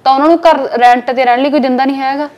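A young woman from Punjab with a high, lively voice talks fast and frankly as an interview guest. She keeps tagging her sentences with little fillers. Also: highs cut off. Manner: quick, frank and plain-spoken, with many filler tags. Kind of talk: casual interview talk.

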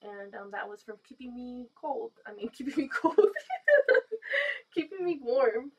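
A woman's voice: high voice, expressive, slow. A woman vlogger chatting casually through a gas mask, rambling with lots of fillers and little laughs. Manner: chatty, many fillers, giggly. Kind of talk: casual rambling chat to camera. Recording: dull lo-fi sound.

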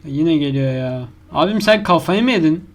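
A YouTuber with a voice on the high side gives live commentary on a horror game at a moderate pace with lively intonation. He is crude and swears constantly, yelps when frightened, and argues with the game's monster.

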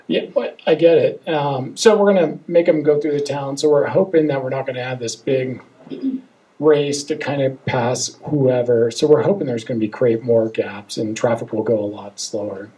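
A man's voice: medium pitch, moderate pace, warm tone. A man in his forties, a transportation engineer at a town hall podium with a handheld mic, explaining plans in a conversational way with plenty of fillers. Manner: conversational, hedging with fillers, reassuring. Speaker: transportation engineer answering questions. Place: meeting room, indoors.

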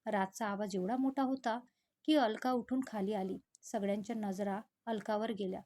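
A woman reading a scripted family story aloud in a steady, even storytelling manner. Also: mid-range voice, normal speed.

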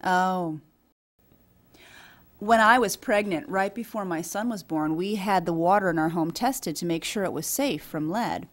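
A woman reading an English voice-over for a signed conversation, explaining things in a steady storytelling way. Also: lowish voice, measured pace. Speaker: voice-over for a signing speaker. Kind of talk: scripted dialogue voice-over.

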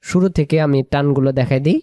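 A man teaching Quran pronunciation, spelling out letters and vowels one by one and repeating each word slowly. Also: a little high, dark tone, no room sound, studio quality.

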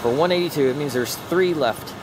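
Speaking briskly in a fairly high voice, this man narrates a casual amusement park vlog outside. His comments are brief and plain, picked up by a handheld camera mic over a noisy background.

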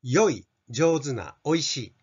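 A man's voice: medium pitch, lively intonation, unhurried, a little mellow, husky. An older Japanese man teaching an English pronunciation lesson, carefully modelling sounds for students to repeat. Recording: slightly dull lo-fi sound.

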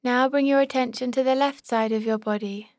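Speaking calmly and evenly, a woman with a somewhat high voice offers brief guidance for a body scan meditation, her pitch hardly moving. The recording is close-miked and thoroughly dry.

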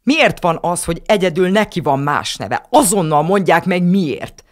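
A woman's voice: fairly low pitch, pitched above the performer's own voice, close to an everyday voice. A woman voicing a furious little girl in an audiobook. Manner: yelling, demanding.

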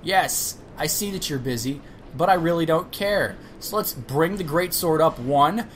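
A woman's voice: deep voice, lively intonation, measured pace, a little hiss or hum. A woman giving gameplay commentary, ranting and swearing at herself and the game as she plays. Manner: profane, ranting, talks to herself. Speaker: let's play gamer.

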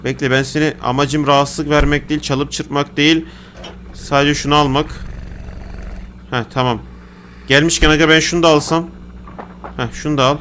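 A man giving casual gameplay commentary, excitable and slangy, yelling at game characters and then dropping to mutters. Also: on the high side, normal speed, pauses often, a little hiss or hum. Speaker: gaming streamer.

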